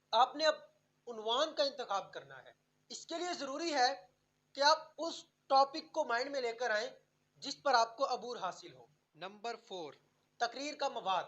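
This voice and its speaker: A woman narrating a scripted tutorial on public speaking, counting off numbered tips in a clear, instructive way. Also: a little high, a bit bright, highs cut off.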